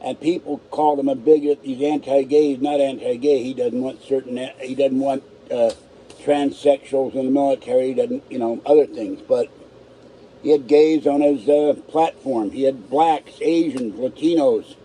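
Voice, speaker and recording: A livestream host chats bluntly and casually, reading things aloud and commenting on them. He has a natural lisp and no upper teeth, so his tongue hits the roof of his mouth. His medium-pitched, mellow voice keeps a fairly even intonation at normal speed, in a low-quality recording with a little hiss or hum.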